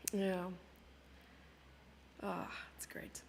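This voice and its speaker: Whispering and drawing out her words, a South African woman commentates a live chess stream, chatting with viewers and reading their questions aloud before answering. She speaks with a South African English accent.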